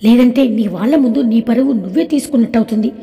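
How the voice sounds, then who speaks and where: A woman's voice: on the high side, quick pace, mellow, natural voice. A woman voicing a stern middle-aged father who scolds his wife curtly. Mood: irritated. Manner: scolding, curt. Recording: echoey room with long reverb.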